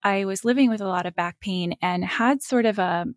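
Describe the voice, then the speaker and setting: A woman's voice: medium pitch, no echo. Thoughtful woman speaking in dry sound. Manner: thoughtful, unhurried, many fillers. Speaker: guest, spine and energy teacher. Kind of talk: reflective interview talk.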